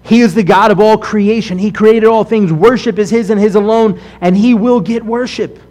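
A man's voice: high voice, moderate pace, a little mellow, soft background music. A man giving an earnest sermon as a rabbi, asking his listeners rhetorical questions and often checking in with "right?".

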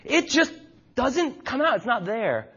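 Male pastor, forties, sermon, high voice, lively swooping delivery, church stage. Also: a little slow, breathy edge, muffled recording. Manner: emphatic, folksy, joking asides.

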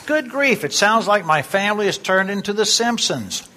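A man's voice: high voice, big pitch swings, moderate pace, bright, forceful tone, slight background noise, full character voice. A man playing a blustery, bossy grandfather in an amateur church skit. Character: gruff grandfather who wants to go bowling.

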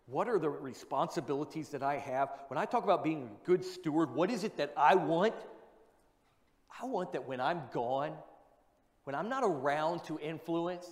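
High-voiced male preacher in an echoing hall. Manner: asks rhetorical questions and repeats key points for emphasis. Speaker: pastor. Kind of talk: sermon. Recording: long reverb of a large hall.

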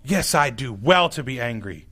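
A man's voice: medium pitch, expressive, normal speed, bright, forceful tone, husky, pitched below the performer's own voice. A man voicing the prophet Jonah as a sullen, grumbling grown man. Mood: sulky.

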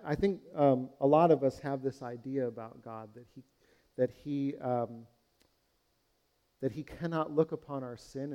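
A man's voice: mid-range voice, warm tone. A man preaching a sermon, earnest and searching, asking his congregation questions and addressing them as friends. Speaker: pastor.

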